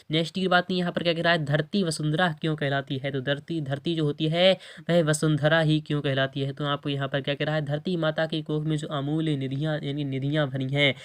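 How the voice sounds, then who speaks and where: A man's voice: on the high side, a bit bright. A male teacher who goes through an exam model paper. He keeps restating his points and repeats himself. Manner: repetitive, restates with "yani ki". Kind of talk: exam paper walkthrough lesson.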